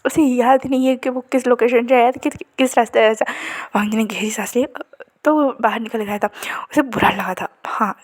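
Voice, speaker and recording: A woman retelling a fan fiction story in a chatty, casual way, often dropping to a hushed, whispery voice. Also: on the high side, steady tone, a little fast.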